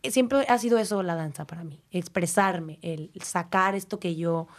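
In a lowish voice at an ordinary pace, a young woman who dances and teaches talks through an informal interview in a Mexican accent. Thoughtful yet animated, she performs the words of others as she quotes them.

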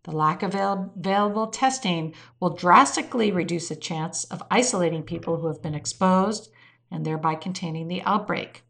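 A woman's voice: on the low side, a little fast, creaky, fairly bright tone. A woman narrating a scripted weekly news summary, marking each quotation aloud. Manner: reads quotes with air quotes.

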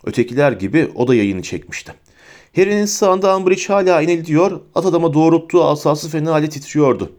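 Male audiobook narrator, slightly high voice, steady vivid storytelling. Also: brisk. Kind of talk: storybook reading.

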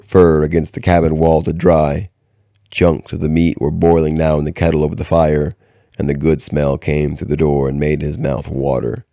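A man reading a novel aloud in measured narration, with occasional stumbles and restarts. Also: very deep voice, dark tone, no echo, clean studio sound. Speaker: audiobook reader.

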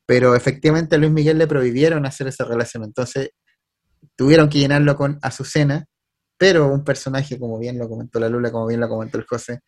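A man's voice: mid-range voice, fairly even intonation, quick pace, darkish tone. A man with a Chilean accent, hosting a podcast in casual chat, going over things at length with filler words and restarts.

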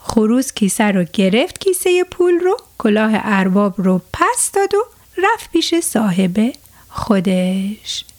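A woman hosting a children's show, telling a bedtime tale in a lively, sing-song way and speaking warmly to the kids. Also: medium pitch, dry recording. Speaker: children's show host and storyteller. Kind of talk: storytelling for children.

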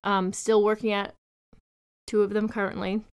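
Young female podcast host, smooth clear voice, sarcastic and rambling, casual solo chat. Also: mid-range voice, level tone, moderate pace. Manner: chatty, sarcastic, rambling asides.

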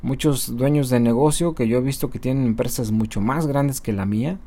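With a mellow, mid-range voice, a social media marketer talks casually to his channel's audience about motivation. He sounds conversational, often checking in through tag questions and hesitating with fillers.

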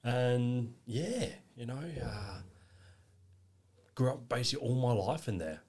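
In a mid-range voice that's expressive, darkish and slightly rough, a twentysomething Englishman talks at a measured pace. As a podcast guest in casual interview chat, he rambles in an easygoing way, leaning heavily on fillers such as "you know".

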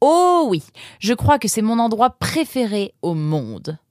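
A man's voice: sits high, brisk, no echo, studio quality, pitched above the performer's own voice, natural voice. Man doing an eager young boy. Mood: cheerful. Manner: excited, bouncy.

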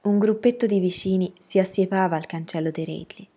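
A woman reading a novel aloud as an audiobook narrator, telling the story in an even, steady way. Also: mid-range voice, brisk, slightly rough.

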